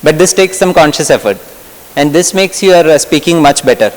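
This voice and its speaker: A middle-aged man from Kerala speaks with a Malayali English accent and a fairly high voice. He talks in a relaxed, conversational way as he gives a workshop lecture and asks the audience questions. His voice rings with the long reverb of a lecture hall. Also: normal speed. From Kerala, India. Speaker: medical lecturer.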